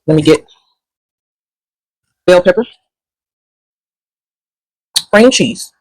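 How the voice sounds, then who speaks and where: A woman's voice: fairly low pitch, lively intonation, extremely slow, darkish tone, dry recording, low-quality recording. A woman doing a casual, rambling food review at home, sassy and sometimes talking while she eats.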